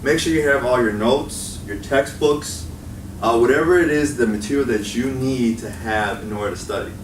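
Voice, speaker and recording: In a college meeting room, a young man with a Chicago accent speaks at a moderate pace and medium pitch to a group of students. His guest talk is casual and conversational, peppered with "right?" as he checks in. The audio is noisy and echoey, as if captured from far away.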